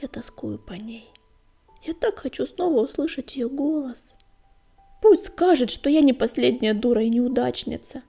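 A woman reading a storybook and voicing an anxious, grieving young female healer cat in a hushed, breathy voice. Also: high voice, normal speed, faint music behind, heavily acted.

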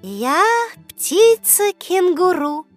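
A woman voicing a cheerful, gentle kangaroo that speaks in a sweet sing-song little voice. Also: very high-pitched, sing-song, drawn-out words, no room sound, soft background music, pitched above the performer's own voice, exaggerated voice. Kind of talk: storybook reading.

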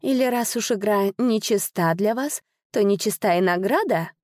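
A woman's voice: mid-range voice, normal speed, darkish tone, dry recording, clean studio sound, close to an everyday voice. A woman voicing a beautiful noble hostess whose sweet courtesy turns to venom, speaking with silky mockery and hidden anger. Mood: coldly angry.

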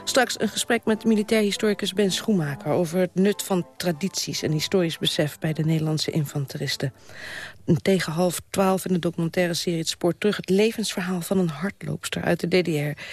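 A man's voice: high voice, creaky. A man hosting a radio history show and interviewing a guest, with plenty of hesitant fillers. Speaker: radio host.

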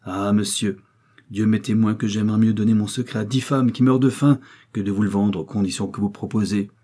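A man's voice: on the low side, fairly even intonation, brisk, dark tone, husky. A man reading a proud young widow, firm and dignified. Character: proud, determined young widowed lacemaker woman.

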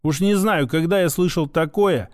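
A male audiobook narrator reads in the first person with a steady storytelling delivery. His voice is noticeably high for a man and recorded dry and close, with no room sound. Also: normal speed, no room sound.

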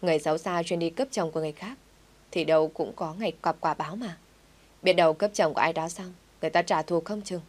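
Lady doing a sneery resentful daughter, low-ish voice, storybook. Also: fast, lightly acted. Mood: sneering. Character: spiteful young woman, bitter daughter.

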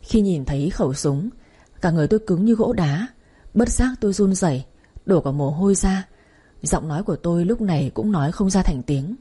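A woman narrating a first-person romance story in a steady, measured reading. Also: on the low side, slightly rough.

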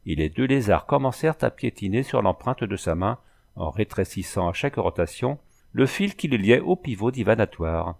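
A man narrating a novel aloud at a measured storytelling pace. His voice is low and carries a gravelly, creaky texture throughout. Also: lively intonation. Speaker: audiobook reader. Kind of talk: scripted narration.

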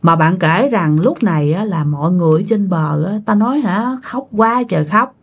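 A woman's voice: fairly low pitch, expressive, normal speed, husky. A woman telling a ghost story in a chatty way, often speaking straight to her listeners. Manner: chatty, addresses listeners directly.

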